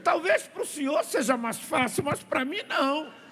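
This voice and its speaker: A man's voice: very high voice, expressive, unhurried, sharp tone, voice pushed up, full character voice. A man voicing a small, restless boy who earnestly admits he cannot sit still. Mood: pleading.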